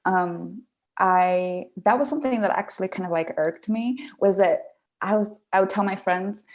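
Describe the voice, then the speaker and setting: Woman from Venezuela, guest, casual chat, animated, acts out quotes. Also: medium pitch, normal speed.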